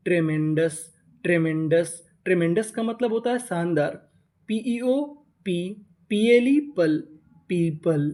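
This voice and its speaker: High-voiced man drilling English spelling. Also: mellow. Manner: spells words letter by letter, drills with repeated questions; slow drawn-out model pronunciations. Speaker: English reading teacher. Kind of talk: spelling-out reading lesson.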